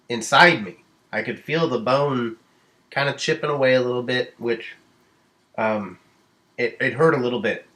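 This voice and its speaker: A man casually telling a personal story in a vlog, rambling with fillers and breaking into sudden high exclamations. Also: a bit bright. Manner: drawling, rambling with many fillers. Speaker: vlogger.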